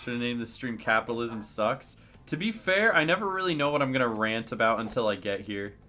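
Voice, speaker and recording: A man's voice: mid-range voice, animated, brisk, sharp tone. A man in his late twenties talks casually while streaming a game, answering chat. He goes off on sarcastic rants, then cracks jokes. Faint music plays underneath. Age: late 20s.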